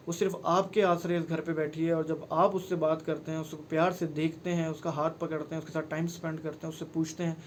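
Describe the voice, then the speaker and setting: A man's voice: high-pitched, a little mellow, slight background noise. A man, giving earnest, pleading advice to camera in a personal vlog and mixing in English phrases. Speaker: vlogger.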